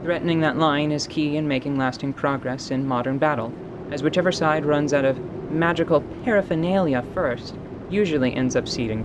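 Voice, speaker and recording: Lightly acting, a man with a medium-pitched voice plays a battle-weary fantasy mercenary with wings, stoic and wry. He speaks dryly, formally, and deliberately, and there's noise behind him.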